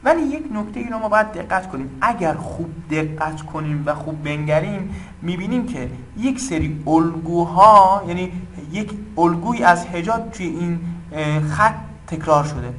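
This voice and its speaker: A man's voice: high-pitched, lively intonation, a bit bright, a little hiss or hum, rough recording. A man giving an informal lesson on poetic meter, explaining patiently and chanting the metrical feet in rhythm. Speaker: teacher of Persian poetic meter.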